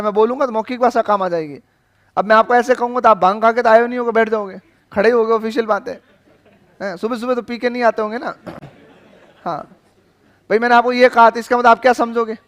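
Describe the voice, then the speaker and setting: High-voiced teacher lecturing a class. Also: male voice, fairly even intonation, fast talker, fairly bright tone, lo-fi sound. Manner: joking, questioning; repeats questions to the class.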